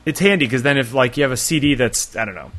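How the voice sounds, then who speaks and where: A man's voice: medium pitch, expressive, fast, fairly bright tone. A middle-aged man co-hosting a podcast, rambling in loose casual chat and swearing offhandedly.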